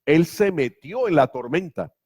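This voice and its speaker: A man's voice: fairly high pitch, lively intonation, measured pace, a little mellow, husky. A man preaching a sermon as pastor, emphatic and full of rhetorical questions. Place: church.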